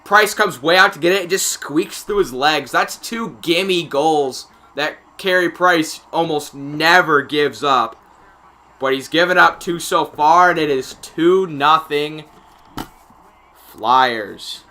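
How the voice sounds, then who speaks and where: A man calling a hockey game casually, play by play, getting excited on big plays and chatting in asides with filler words. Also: a little high, takes it slowly. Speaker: amateur play-by-play commentator. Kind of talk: casual live game commentary.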